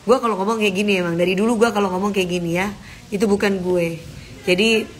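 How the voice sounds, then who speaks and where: A woman's voice: medium pitch, fairly even intonation, quick pace. Firm-talking woman on a phone live stream. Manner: firm, emphatic, talks straight to commenters. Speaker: Instagram live host. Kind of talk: casual live-stream chat with viewers.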